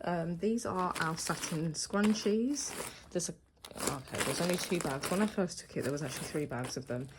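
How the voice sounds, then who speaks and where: A woman's voice: lowish voice, normal speed, noisy background. A woman who runs a small business, chatting casually through her stock with many fillers and sounding a little out of breath. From United Kingdom. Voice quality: filler-heavy, chatty, thinking aloud. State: slightly out of breath. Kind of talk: casual vlog walkthrough.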